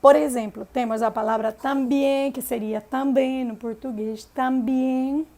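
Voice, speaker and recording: High-voiced woman teaching Spanish vowels. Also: steady tone, darkish tone. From Venezuela. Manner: repeats example words slowly for learners. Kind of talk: language lesson.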